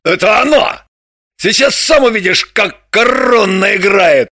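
A reader voicing a boisterous, boastful man who exclaims and shouts hearty remarks in an audiobook. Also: medium pitch, expressive, measured pace, no room sound, clean studio sound. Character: boisterous loud man, boastful card-playing host. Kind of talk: audiobook character voice.

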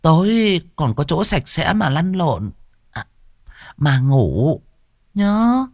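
A scheming, lustful third wife of a rich landowner, put on by a man in a high, shrill voice. She coaxes and orders her servant around from a dry, close recording. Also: sing-song, slow, dry recording, heavily acted. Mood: bossy. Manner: shrill, coaxing and bossy.

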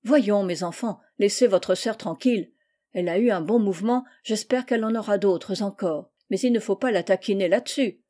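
A woman's voice: mid-range voice, normal speed, warm tone. A woman reads a children's novel aloud. She raises her voice for the children's lines and drops it for names and narration. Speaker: reader. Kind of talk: reading a children's novel aloud, voicing dialogue.

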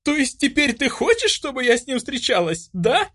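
A man voicing a young noblewoman in an audiobook, distraught, shrill and near sobbing. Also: sing-song, moderate pace, a bit bright, slightly rough, exaggerated voice. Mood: furious. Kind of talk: audiobook character voice.

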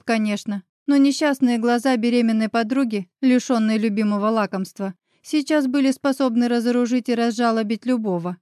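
A woman's voice: a little high, darkish tone, no echo. Woman narrating an audiobook, dry sound. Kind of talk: first-person audiobook narration. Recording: dry close studio sound.

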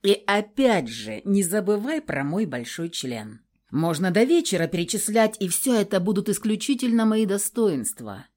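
A woman's voice: mid-range voice, big pitch swings, normal speed, a little mellow. A woman voicing a cocky young male warlock who talks smugly and without a care, in a read-aloud story. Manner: smug, drawling, unbothered.

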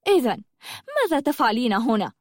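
A woman voicing a vain, mocking witch in a storybook reading, with a scornful, teasing manner and a higher voice than her narration. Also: sing-song, fairly quick, dry recording, clean studio sound. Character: mocking, vain female witch, cruel and playful.

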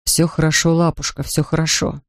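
A narrator voicing a grieving father who talks softly, slowly and tenderly to his daughter. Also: flat delivery, dry recording, studio quality, lightly acted. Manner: soft, low and slow, pleading. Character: grieving gentle father, a big man. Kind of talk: audiobook character voice.

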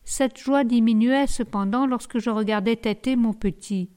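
A woman narrating a novel in the first person as an audiobook, in a measured, sober way. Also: on the high side, dark tone.

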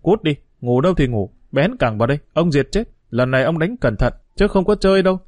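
A man's voice: a little high, animated, fairly quick, a little mellow, no echo. A man voicing a tough, protective young street boy with a hot temper, stern and threatening toward other children.

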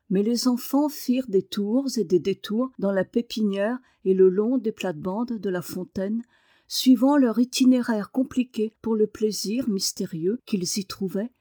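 A woman reading a novel aloud as an audiobook narrator, with measured, expressive narration. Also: medium pitch, no room sound, studio quality.

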